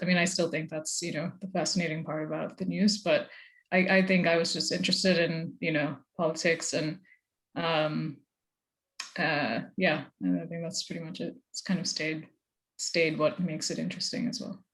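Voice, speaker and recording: A young American woman speaks as a guest on an interview podcast, her voice a little low for a woman. She talks conversationally and thoughtfully, often using like and you know as she works through her answers. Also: a bit bright. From United States. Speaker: journalist guest. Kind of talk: casual interview.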